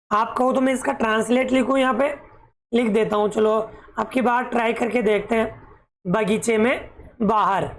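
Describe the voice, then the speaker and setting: Woman, school English teacher, somewhat high voice, fond pet names for pupils, slow dictation. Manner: slow, spelled-out dictation of meanings. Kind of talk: explaining a children's English poem.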